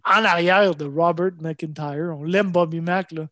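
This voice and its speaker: A man's voice: on the high side, steady tone, unhurried, sharp tone, no room sound. A man with a Québécois accent chatting casually about sports as a podcast co-host.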